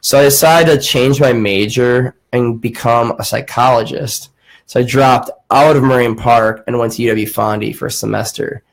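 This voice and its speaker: Gravelly-voiced man telling rambling stories. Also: medium pitch, moderate pace. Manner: rambling, profane, heavy use of "like". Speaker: podcast host. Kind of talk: casual storytelling chat.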